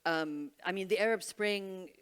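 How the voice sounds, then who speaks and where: A woman's voice: mid-range voice, measured pace, a bit bright, clean tone. A woman from Egypt speaking on a panel, candid and wry, with many restarts and fillers. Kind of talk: panel discussion.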